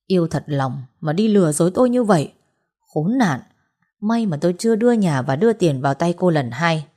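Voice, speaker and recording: A remorseful husband begging his wife for another chance, read by a woman in a low voice. He sounds earnest and pleading, his tone soft and mellow. It is an audiobook story. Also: lively intonation, fairly quick. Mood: angry.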